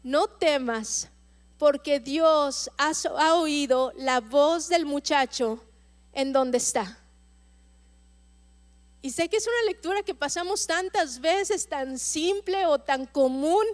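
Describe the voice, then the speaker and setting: High-voiced woman preaching slowly. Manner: impassioned preaching, slow and emphatic, acting out cries for help. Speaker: pastor. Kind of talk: sermon.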